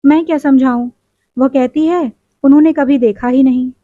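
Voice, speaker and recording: A woman's voice: high voice, fairly even intonation, normal speed, warm tone, no room sound, natural voice. A woman voicing an irritable young daughter who answers in a snappy, dismissive way. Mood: irritated. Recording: dull lo-fi recording.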